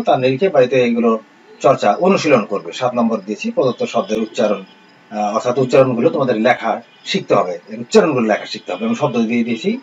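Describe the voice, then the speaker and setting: A man teaching a recorded online lesson, speaking in a calm, measured way and reading out lists of words slowly. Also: medium pitch. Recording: slightly dull lo-fi recording with faint hiss.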